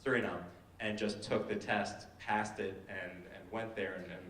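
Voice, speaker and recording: A man's voice: on the low side, fairly even intonation, normal speed, fairly bright tone, distant mic, a little hiss or hum. A man speaking on a panel discussion, hesitant with many fillers and restarts. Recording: echoey hall, voice from afar.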